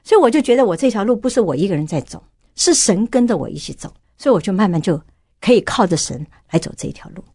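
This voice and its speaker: A woman's voice: mid-range voice, very animated, darkish tone, slightly rough, no echo, clean studio sound. A middle-aged woman earnestly telling her personal faith testimony as a radio guest. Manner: quick, earnest storytelling.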